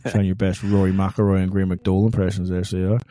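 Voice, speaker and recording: Male co-host, low and mellow, chatty banter, dry close recording. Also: level tone, fast talker, no echo. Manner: chatty, joking, leans on "mate". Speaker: podcast co-host. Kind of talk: casual sports chat.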